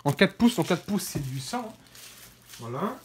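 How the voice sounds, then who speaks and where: Woman host, casual unboxing chat, halting delivery full of fillers and corrections, addresses viewers directly. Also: fairly low pitch, very animated, slightly rough. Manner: hesitant, many fillers and self-corrections; informal, talks straight to viewers. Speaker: fireworks channel host.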